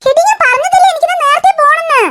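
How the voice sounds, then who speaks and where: A woman's voice: extremely high pitch, racing, pushed and bright. A woman voicing a bossy, teasing teenage older sister in a cartoon. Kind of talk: cartoon voice acting.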